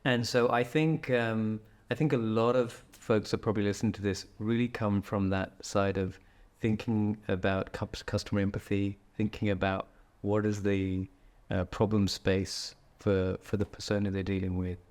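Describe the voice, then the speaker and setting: A man with a low-pitched voice talks casually as a podcast guest, thinking aloud. His delivery is relaxed and joking, and he keeps checking in with "right?". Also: normal speed. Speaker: podcast guest, product executive. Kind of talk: casual conversational interview. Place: indoor room, in person with host.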